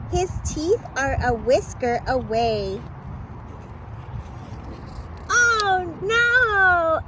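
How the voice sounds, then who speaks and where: An extremely high-pitched woman's voice reads a picture book to children, with background noise audible. She performs it in a playful, dramatic style, exclaiming and pausing for suspense.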